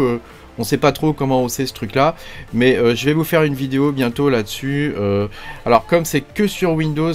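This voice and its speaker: Hesitant man, casual news chat. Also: medium pitch. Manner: hesitant, many fillers like "euh" and "hein". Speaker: crypto mining channel host. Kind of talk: casual spoken news roundup.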